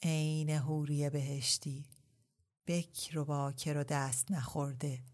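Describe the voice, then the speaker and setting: A woman's voice: low voice, steady tone. A woman doing a leering, insistent young husband.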